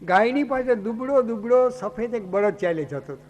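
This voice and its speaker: A man's voice: extremely high pitch, expressive, moderate pace, a little mellow. A man from Gujarat narrating a devotional scripture story as a sermon, dramatic and full of rhetorical questions. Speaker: Bhagavata katha speaker.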